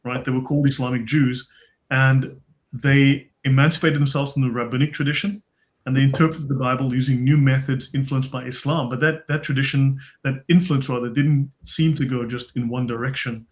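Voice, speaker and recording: A man's voice: medium pitch, fairly even intonation, fairly quick. Man hosting, modest and summarizing. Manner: modest, summarizing, asks for agreement. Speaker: host. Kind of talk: conversational discussion.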